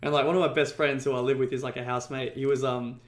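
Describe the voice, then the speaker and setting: A man's voice: medium pitch, little pitch movement, quick pace. Brief: male guest, casual and rambling, curses freely, roomy echoey recording. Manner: rambling, heavy "like" fillers, frequent swearing. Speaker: podcast guest, ecommerce entrepreneur. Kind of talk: casual storytelling interview.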